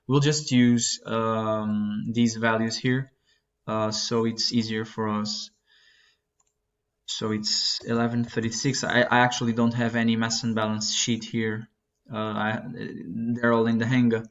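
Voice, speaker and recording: A young man teaching a flight-prep lesson as he works through a chart, talking in a halting way with many fillers and self-corrections. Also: lowish voice, level tone. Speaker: flight instructor. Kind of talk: screen-recorded lesson walkthrough. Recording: dull lo-fi sound.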